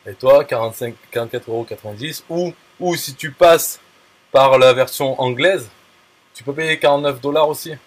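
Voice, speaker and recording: A man's voice: medium pitch, normal speed. A man talking casually and bluntly, full of fillers, restarts and crude slang. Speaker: affiliate marketer. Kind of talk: casual talk to a viewer.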